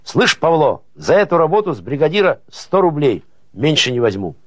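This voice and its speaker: A man voicing a rough male labourer who shouts and bargains in a raised voice. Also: a little high, very animated, normal speed, no room sound, pitched above the performer's own voice. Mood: shouting.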